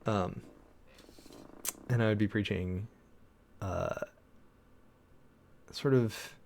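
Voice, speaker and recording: Male preacher, creaky gravelly voice, casual rambling sermon-prep talk with fillers. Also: lowish voice, darkish tone. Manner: rambling, thinking aloud with many fillers and restarts; reads and parses Greek text slowly.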